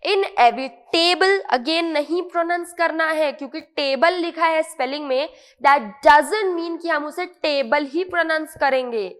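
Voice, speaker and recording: High-voiced Indian woman teaching vocabulary. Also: a little slow, a bit bright, long reverb tail. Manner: explains patiently, repeats words, checks often. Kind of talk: online lesson in Hindi-English mix.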